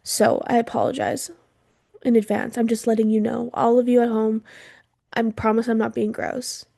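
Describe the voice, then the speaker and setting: A woman's voice: on the high side, moderate pace, creaky, warm tone, no echo, studio quality. A woman co-hosting a podcast in casual chat, chatty and laughing often, her throat irritated from smoke. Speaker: podcast co-host.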